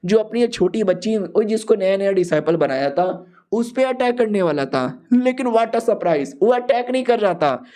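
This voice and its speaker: Brief: male comic story-recap narrator, high voice, mellow tone, slangy and jokey. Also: expressive, moderate pace.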